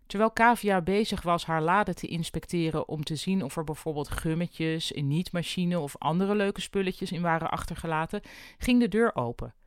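A narrator reading a storybook in a wry, even audiobook style. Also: medium pitch, moderate pace, smooth, dry recording, clean studio sound.

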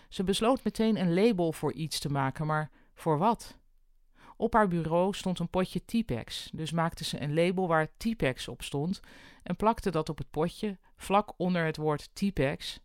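A narrator reading aloud with an even, wry delivery in a close, dry recording with no room sound. The pitch sits in the middle, neither high nor low. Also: dry recording. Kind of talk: audiobook narration.

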